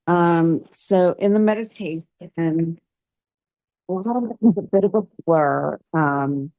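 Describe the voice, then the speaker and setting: A woman's voice: lowish voice, slow pace, mellow, no echo. A woman in an online group session, talking in a hesitant way with many fillers, her voice muffled as the call audio drops. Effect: muffled, dropping video-call audio. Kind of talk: casual, halting chat. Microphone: video call.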